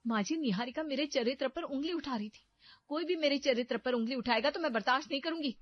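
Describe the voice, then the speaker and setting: A woman voicing a proud young daughter-in-law in a cartoon story, sharp and defensive. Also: sits high, fast talker, dry recording, dull audio, voice pushed up, lightly acted. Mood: angry.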